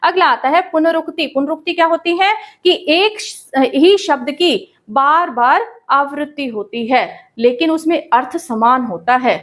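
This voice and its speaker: High-voiced woman teaching patiently. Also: fairly bright tone. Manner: explains patiently, often adds a checking "ठीक है"; reads verse lines slowly and drawn out. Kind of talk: grammar lesson.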